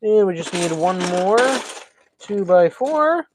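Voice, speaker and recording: A man's voice: sits high, very animated, takes it slowly, background noise. A man hosting a casual live stream, chatting and thinking aloud as he builds, a self-described yapper. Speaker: livestream host.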